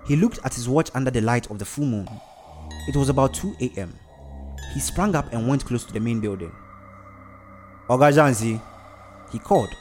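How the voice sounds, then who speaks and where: A man doing expressive scripted narration of a story. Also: medium pitch, a little fast, soft background music. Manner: expressive, varied.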